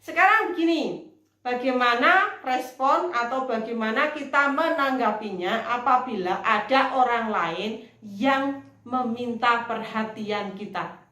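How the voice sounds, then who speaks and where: A woman teacher, explaining slowly in a recorded lesson and acting out model phrases in a loud, high voice. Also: lively intonation. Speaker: English teacher. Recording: echoey room.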